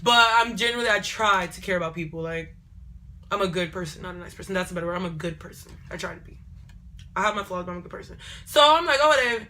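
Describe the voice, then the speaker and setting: A young woman chats through a casual storytime vlog. Her voice is bright and forward, and she tells the story in an animated, digressive way, looping back over the same phrases. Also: on the low side, quick pace. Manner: animated, digressive, repeats herself. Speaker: vlogger.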